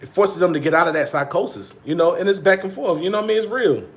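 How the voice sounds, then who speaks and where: A man's voice: high-pitched, fast talker. Blunt, slangy man in his thirties. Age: 30s. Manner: blunt, profane street slang, repeats himself for emphasis. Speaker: vlog host. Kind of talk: casual monologue to live viewers.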